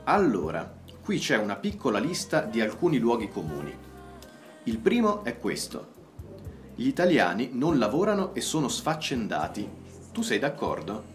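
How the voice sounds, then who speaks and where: A man reads his part in a scripted dialogue for language learners. His pitch rises and falls in an animated way, especially when he asks questions. Soft music plays faintly under his voice. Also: normal speed. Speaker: dialogue partner in a language lesson.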